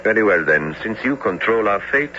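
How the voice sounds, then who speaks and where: An actor playing a courteous, reasoning professor in a formal, articulate radio drama manner. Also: male voice, lowish voice, expressive, moderate pace, pushed and bright. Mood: earnest, protesting. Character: courteous, reasoning professor and narrator, calm-headed. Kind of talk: old-time radio drama acting and narration. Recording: muffled lo-fi radio recording, noisy.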